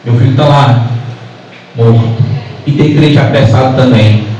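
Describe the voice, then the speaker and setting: Fervent Brazilian preacher in an echoey hall. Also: male voice, mid-range voice, measured pace, darkish tone, muffled recording. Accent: Brazilian Portuguese. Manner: retells scripture with voiced dialogue, builds into rising fervent exhortation. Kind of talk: Pentecostal sermon. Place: church hall. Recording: very echoey church hall, mic at a distance, faint background hiss.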